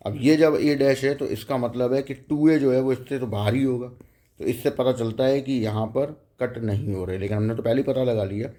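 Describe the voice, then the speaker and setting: A man's voice: medium pitch, steady tone, normal speed, dark tone. A man teaching a math lecture, explaining step by step and often checking in with the students.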